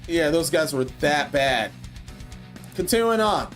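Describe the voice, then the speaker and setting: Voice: mid-range voice, expressive, slow pace, faint music behind. A commentary host talking casually, blunt and profane, and sounding tired.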